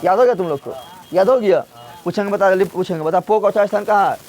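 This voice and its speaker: A man's voice: high voice, quick pace, darkish tone, faint music behind. A man teaching a grammar class, drilling syllables aloud and quizzing and scolding his students.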